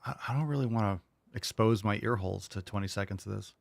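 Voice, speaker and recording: A man's voice: fairly low pitch, fast talker, creaky, no room sound, clean studio sound. A man hosting a casual live commentary show, talking bluntly and profanely in a mocking way. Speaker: show host.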